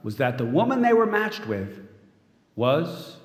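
Pitched on the high side and moving at a measured pace, this male voice swings widely in pitch. He performs a smug, controlling tech mogul in an audio drama, proudly boasting through a polished, self-satisfied android unveiling. The recording is an echoey hall, staged as a large event room, with a crowd behind.

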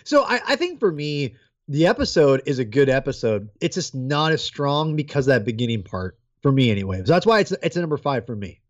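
In a muffled recording with no room sound, a man co-hosting a laid-back chat podcast organizes the plan and gives opinions while munching gummies. His medium-pitched voice swings widely in pitch, and he talks fairly quickly.

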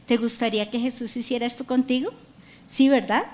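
A middle-aged woman preaching a lively sermon, acting out quoted voices and prompting the audience to repeat after her. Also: a little high, fairly quick.

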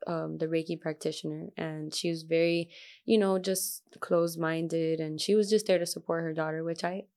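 A woman's voice: low-pitched, steady tone, moderate pace, a little mellow. A young adult woman, a sound healer guest, telling a story in casual chat, full of fillers and quoted asides.

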